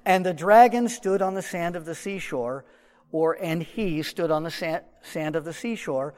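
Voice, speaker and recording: A man with a fairly high voice talks through scripture in a relaxed, explaining way, adding asides as he goes. The sound is muffled, as if picked up from inside his shirt pocket. A long reverb trails behind him from a large hall. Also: moderate pace. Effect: muffled, recorded from a shirt pocket. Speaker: Bible teacher. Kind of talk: verse-by-verse Bible teaching.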